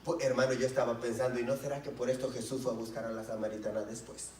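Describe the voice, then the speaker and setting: A man's voice: medium pitch, little pitch movement, fast talker, a little mellow, a little hiss or hum. A male pastor preaching a sermon in a church, in a conversational way, often asking the congregation questions. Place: church sanctuary. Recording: roomy echo, mic at a distance.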